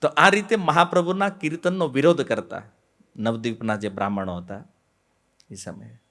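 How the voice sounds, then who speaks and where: A man gives a devotional lecture on scripture, telling stories, posing rhetorical questions and acting out the quoted voices. He swings between loud emphasis and quiet asides. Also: medium pitch, steady tone, normal speed. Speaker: devotional speaker on the Bhagavad Gita.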